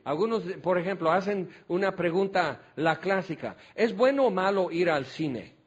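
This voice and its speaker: A Mexican man preaching a sermon, switching between quiet scripture reading and excited, folksy storytelling. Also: dull audio. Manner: animated, shifts from low quiet scripture reading to excited shouting; conversational, folksy storytelling with fillers like "este".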